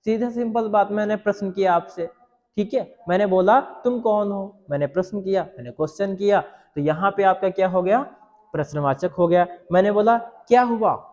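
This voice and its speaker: A male teacher giving a grammar lesson for exam students, repeating example sentences slowly and asking questions. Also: high voice, a little mellow, long reverb tail, lo-fi sound.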